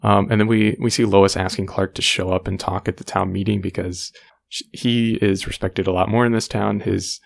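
A man co-hosting a casual podcast, recapping a TV episode in a relaxed way with many fillers. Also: deep voice, normal speed, vocal fry. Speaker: podcast co-host.

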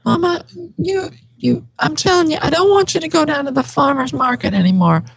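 Casting: woman as a fed-up grown kid, formant-shifted up, high and pleading. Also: brisk, gravelly, long reverb tail. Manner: pleading, scolding. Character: exasperated grown child scolding her mother. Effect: formant shifted up, higher voice.

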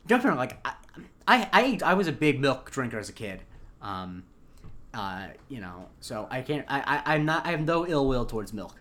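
A man's voice: mid-range voice, big pitch swings, normal speed, a bit bright. A man co-hosting a podcast, recapping an episode in rambling casual chat. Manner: rambling, many fillers and restarts. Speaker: podcast co-host.

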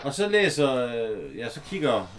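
A man chats casually about a film while watching it, retelling each scene and acting out its lines. His voice is mid-pitched and very lively. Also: soft background music. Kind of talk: casual chat, recapping a film.

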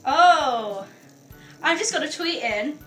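A woman's voice: a little high, normal speed, sharp tone, echoey room, soft background music. A young woman with a Geordie accent, co-hosting a student radio show in casual, giggly chat. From North East England. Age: young adult. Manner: chatty, giggly, exclamatory.

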